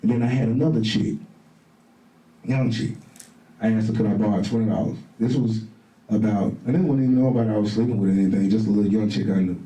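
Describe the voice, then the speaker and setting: A middle-aged man, a podcast guest telling stories casually and acting out quoted voices loudly. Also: lowish voice, quick pace. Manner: animated, acts out quotes in raised voice. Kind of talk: casual storytelling. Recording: roomy, distant mic.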